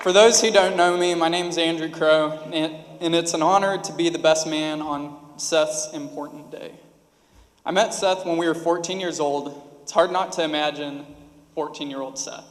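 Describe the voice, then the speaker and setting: A best man in his twenties delivers a wedding toast speech in formal, prepared phrases. His voice sits a little high for a man, and it rings through a reverberant hall. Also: steady tone, moderate pace. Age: 20s.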